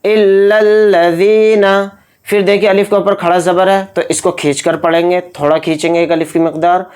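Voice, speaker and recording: A man's voice: high-pitched, level tone, a little fast, clear, resonant tone. A man teaching Quran recitation, patiently explaining each letter and drawing out the sounds as he demonstrates. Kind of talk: slow, methodical recitation lesson.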